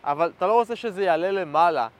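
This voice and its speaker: A man's voice: high-pitched, lively intonation. A man giving dating advice straight to the camera. He speaks directly and instructively and keeps checking in with the listener. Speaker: dating coach. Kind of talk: direct-to-camera coaching talk. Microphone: facing the camera.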